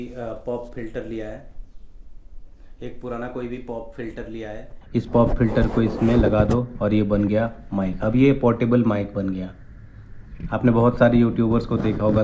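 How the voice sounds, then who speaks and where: A man demonstrating a handheld recorder for his viewers, explaining each step directly to them as a tech reviewer. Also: mid-range voice. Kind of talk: product demo. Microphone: handheld portable recorder.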